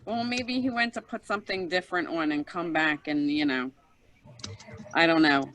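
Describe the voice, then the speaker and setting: A woman in casual video call chat, animated when telling a story but hesitant with fillers. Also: sits low, moderate pace, a little hiss or hum, poor audio. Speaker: cosplay group member.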